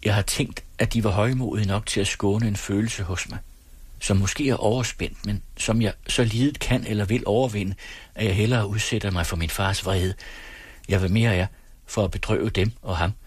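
A man reading the lines of an earnest, secretive young bride in a husky, solemn, pleading voice. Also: fairly low pitch, steady tone, no room sound. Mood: tender. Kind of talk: audiobook dialogue reading.

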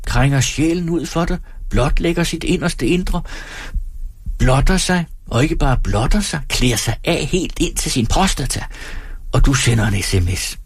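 A man's voice: on the high side, animated, breathy edge, no room sound, pitched above the performer's own voice. A man playing a sneering theatrical comedian. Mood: mocking. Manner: sarcastic, theatrical, mock-polite. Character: mocking male stand-up comedian, theatrical and sarcastic.

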